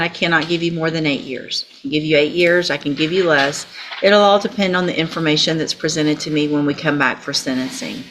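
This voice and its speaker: A woman's voice: sits low, fairly bright tone. An American woman speaking as a judge in formal courtroom proceedings, explaining procedure step by step. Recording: noisy courtroom audio with clicks.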